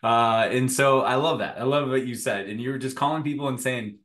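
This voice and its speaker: A man's voice: medium pitch, brisk, a bit bright. A man hosting an interview, chatty and enthusiastic, who laughs often. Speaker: interview host. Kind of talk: conversational interview.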